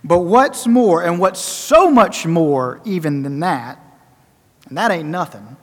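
A man preaching a sermon, emphatic and rhetorical, repeating phrases for effect and swinging between loud and soft. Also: high-pitched, lively intonation, slow pace. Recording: long reverberant hall.

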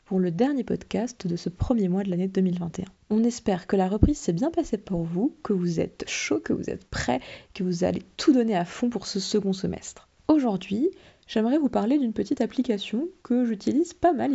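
A woman's voice: medium pitch, animated, a little fast, vocal fry, dark tone, breathy edge, highs cut off. A young woman hosting a student podcast segment, chatty and upbeat with light fillers. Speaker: podcast presenter.

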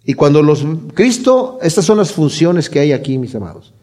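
Male pastor, higher-pitched, lively sermon delivery with dramatic drops to near-whisper. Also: normal speed. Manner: animated preaching, shifting between loud and hushed; acts out quoted voices while retelling.

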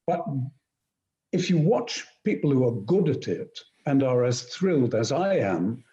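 A man being interviewed, telling anecdotes in a deliberate, articulate and emphatic conversational way. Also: mid-range voice, very animated, mellow. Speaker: interview guest, poet and screenwriter. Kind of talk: reflective conversational storytelling. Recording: slightly dull, roomy sound.

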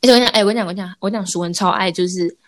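A woman's voice: medium pitch, rapid-fire. A woman in her twenties with a Taiwanese Mandarin accent, chatting casually as a podcast co-host, telling stories with lots of laughter and acted-out quotes. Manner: animated storyteller, laughs often, acts out quotes; mixes in English words. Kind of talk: casual chat.

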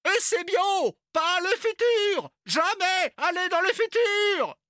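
A squeaky, clipped little time traveller. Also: male voice, animated, slow, pushed and bright, no echo, studio quality, full character voice. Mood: alarmed. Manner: clipped, broken phrases. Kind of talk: storybook reading.

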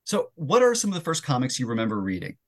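A man's voice: medium pitch, wildly swooping pitch, fast talker. A man co-hosting a comics interview podcast, friendly and laughing along with his guest. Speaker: podcast co-host.

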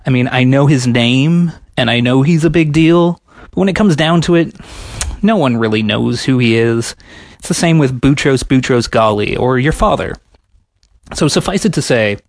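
A man delivering a scripted comedic science explainer with sarcastic, deadpan asides. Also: mid-range voice, creaky, dry recording.

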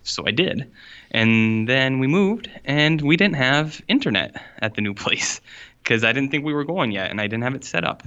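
A man's voice: mid-range voice, animated, normal speed, sharp tone, clear, resonant tone, muffled recording. A man chatting casually as a podcast co-host, joking and slangy, sounding like he's inside a fishbowl in a borrowed room. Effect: boxy fishbowl-like room sound.

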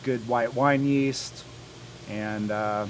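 A man's voice: medium pitch, steady tone, drawn-out words. Male cider-maker guest, matter-of-fact explainer, faint noise behind, live pub radio. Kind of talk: casual interview explanation.

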